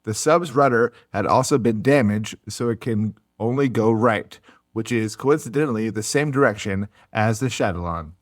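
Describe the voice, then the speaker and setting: A man's voice: on the low side, normal speed, dry recording, studio quality. A man co-hosting a casual podcast, narrating a history story and breaking into jokes and laughter. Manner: laughs often, jokey asides.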